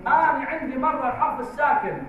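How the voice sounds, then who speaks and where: A man teaching a tajweed class in a classroom, slow and drawn-out, repeating key words for the class. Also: extremely high pitch, a little hiss or hum. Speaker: Quran recitation teacher. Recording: very echoey, distant, tinny phone-like sound.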